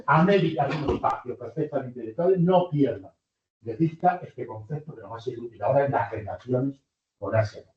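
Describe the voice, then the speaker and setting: Older professor lecturing in a hall. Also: male voice, mid-range voice, a little fast. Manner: lively, rhetorical questions to the audience. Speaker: university professor. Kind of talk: university lecture. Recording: distant, roomy, muffled lecture hall recording.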